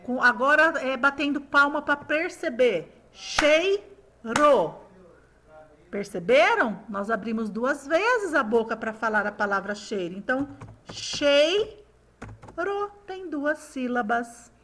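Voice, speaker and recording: A woman's voice: on the high side, lively intonation, moderate pace, few pauses, sharp tone, slight background noise. A woman teaching young children, patiently sounding out words syllable by syllable in a recorded lesson. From Brazil. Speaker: primary school teacher.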